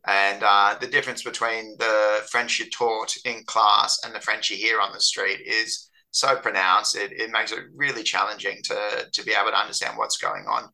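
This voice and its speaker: Bright, gravelly Australian man, hesitant. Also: fairly low pitch, moderate pace, hardly any pauses, rough recording. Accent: Australian, slightly Americanized. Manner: hesitant, many fillers and restarts. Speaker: interview guest. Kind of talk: casual conversation.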